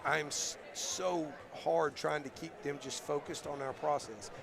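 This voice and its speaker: A male basketball coach, talking in a halting, thoughtful way with many fillers, his voice going hoarse, in a postgame interview. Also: fairly high pitch, fairly even intonation. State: losing his voice. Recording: crowd noise behind.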